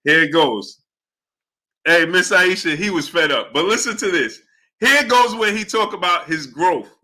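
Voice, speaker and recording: A man hosting a sports show, reacting to clips with excitable, laughing commentary and calling out to chat viewers. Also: high-pitched, a little slow.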